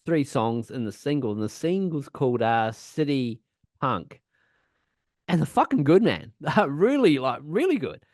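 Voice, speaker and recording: A man's voice: medium pitch, big pitch swings, measured pace, no echo, studio quality. A man co-hosting a punk podcast in casual chat, rambling, swearing a lot and laughing often. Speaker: podcast co-host.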